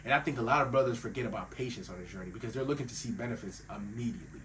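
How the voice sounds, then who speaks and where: A man's voice: medium pitch, very fast. Young man, emphatic motivational talk, slightly sick voice, mic a little distant, faint background hiss. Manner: earnest and emphatic, calls listeners bro and fellas. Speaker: faith-based self-improvement YouTuber. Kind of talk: casual motivational talk to camera.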